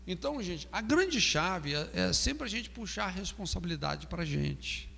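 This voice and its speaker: A man's voice: high-pitched, expressive, measured pace, creaky, pushed and bright, big-room sound. A Brazilian man teaching a pastoral counseling class, asking "não é?" often and acting out example phrases. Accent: Brazilian Portuguese. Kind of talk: classroom lecture.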